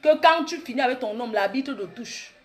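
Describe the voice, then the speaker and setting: A woman's voice: fairly high pitch, expressive, moderate pace. A woman in her late thirties with a Cameroonian French accent, doing a brash, boastful comedy monologue that mocks her critics. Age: 30s. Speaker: comedic vlogger.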